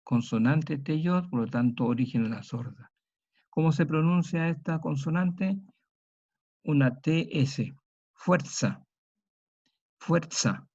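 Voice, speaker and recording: A man teaches in a slow, methodical way, spelling out each sound and example. His voice is dark and gravelly. The recording is dull and lo-fi. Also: on the high side. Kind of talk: historical grammar lecture.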